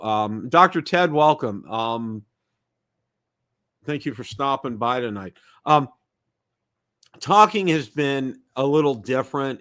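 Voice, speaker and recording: A man's voice: medium pitch, fairly bright tone. A middle-aged man hosting a casual live stream, talking in a rambling, chatty way with many fillers and restarts, with temporary teeth after oral surgery. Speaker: host of a live drone show.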